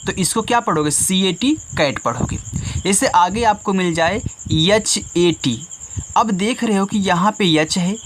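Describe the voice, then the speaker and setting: A man's voice: high voice, a little hiss or hum. Patient male teacher, faint crickets. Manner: patient, explains step by step with repeated questions. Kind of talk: phonics lesson for children.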